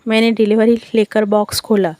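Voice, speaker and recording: A woman narrating a scripted family story in the first person, in a calm, measured reading style. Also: medium pitch, no echo.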